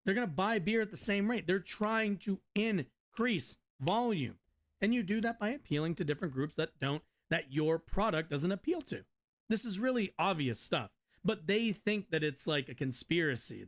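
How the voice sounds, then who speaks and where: A man with a fairly high voice talks through a live stream, blunt and mocking. He rambles with plenty of fillers and restarts as he reacts to clips. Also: a bit bright. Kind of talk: casual political commentary stream.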